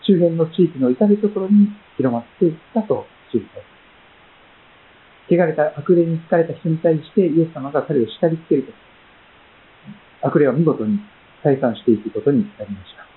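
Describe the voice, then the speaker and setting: A man preaching a sermon as pastor, reading scripture and praying in a measured, gentle way with frequent pauses and fillers. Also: a little high. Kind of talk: sermon with Bible reading and prayer. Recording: tinny phone-like sound.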